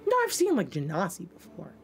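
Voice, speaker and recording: A woman's voice: lowish voice, huge pitch swings, fairly quick, faint music behind. A middle-aged woman narrating a tabletop role-playing game as the game master in an indoor studio. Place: indoor studio set dressed as a tavern.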